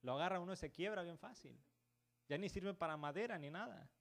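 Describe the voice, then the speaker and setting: Guy preaching a sermon in church, voice a bit on the high side, keeps saying brother and right?, lots of restarts. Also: a little fast, vocal fry. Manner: peppers talk with "hermano" and "¿verdad?"; restarts words, slips into English words.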